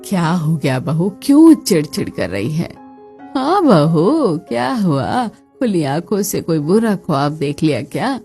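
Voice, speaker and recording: Brief: woman voicing a scolding cartoon mother-in-law, mellow and lowered, soft music under. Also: big pitch swings, unhurried.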